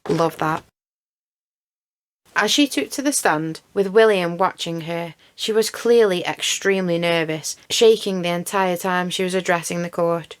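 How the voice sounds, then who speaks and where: A woman's voice: fairly low pitch, smooth. A woman hosting a true crime channel, recapping a case with outraged, emphatic commentary and swearing.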